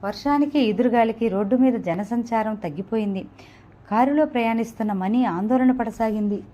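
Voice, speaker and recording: A woman narrating an audio novel in an even storytelling delivery. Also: on the high side, brisk, muffled recording. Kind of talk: scripted narration.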